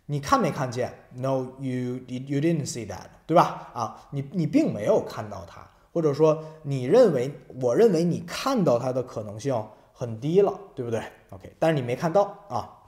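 Guy teaching english vocab in mandarin, warm mellow voice, keeps going "right?" and reading example sentences. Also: medium pitch, expressive, moderate pace, hardly any pauses. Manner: explains step by step, often checks with tag questions. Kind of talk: video vocabulary lesson.

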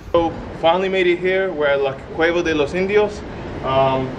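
Excited young man vlogging outdoors. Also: fairly high pitch, slight background noise, low-quality recording. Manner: excited, slangy, talks to camera while exploring. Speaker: travel vlogger. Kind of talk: casual vlog chat. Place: outdoors at a coastal cave. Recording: music playing behind voice. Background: music.

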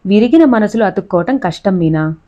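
A woman's voice: medium pitch, lively intonation, brisk, mellow, muffled recording, close to an everyday voice. A woman reading the lines of a reserved young man who answers tersely and dryly.

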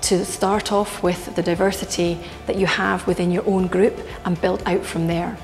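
A woman's voice: lowish voice, flat delivery, moderate pace. A middle-aged woman, a hotel director, speaking earnestly in a filmed workplace interview, with frequent ums and restarts. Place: indoor hotel bar. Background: background music.

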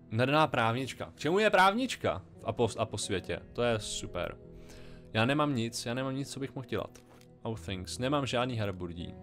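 A man's voice: fairly low pitch, a bit bright. Casual man thinking aloud over a game. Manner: thinking aloud, chatty and wry. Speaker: let's play gamer.

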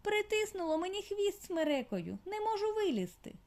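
A woman's voice: very high-pitched, big pitch swings, normal speed, a little mellow, pitched above the performer's own voice, exaggerated voice. A woman voicing a polite, worried young male squirrel who pleads earnestly for help, in an audiobook for children. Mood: pleading. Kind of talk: audiobook character voice.

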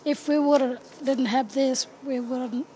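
A woman answering in an interview, hesitant and halting, with many restarts. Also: high voice, fairly even intonation, warm tone.

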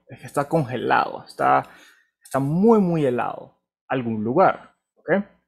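A male teacher with a Venezuelan Spanish accent runs an online English class over a video call. He speaks slowly and patiently, with a gravelly, husky voice. He keeps checking in with his students. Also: mid-range voice. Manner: patient, encouraging, often checks with "ok?". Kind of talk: online class, explaining pronunciation.

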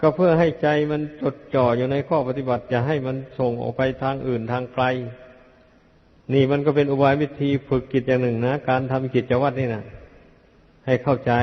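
An older man, a Buddhist monk, giving a plain, unhurried dharma talk that admonishes his disciples. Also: medium pitch, fairly even intonation. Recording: dull lo-fi archive recording in a reverberant hall.

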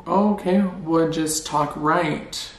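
A man's voice: a little high, steady tone, slow pace, voice pushed up. A man voicing his stern, disapproving mother, who scolds him about how he talks. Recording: roomy echo.

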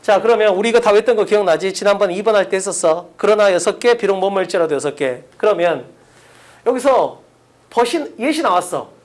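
A man lectures his class with a pitch that swings up and down. He talks bluntly and casually, calling on students by name to quiz them. The sound is a classroom lesson. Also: lively intonation, a little fast. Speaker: English teacher.

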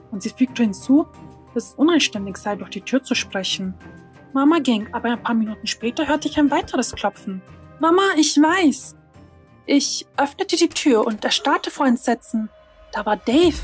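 A woman narrating a tense first-person story in a dramatic storytelling manner. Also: fairly high pitch.

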